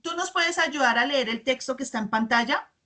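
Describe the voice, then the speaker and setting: A woman's voice: high-pitched, a little fast, bright, forceful tone. Woman teacher checking in often. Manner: checks understanding with frequent tag questions. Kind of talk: online class, reading chat comments aloud.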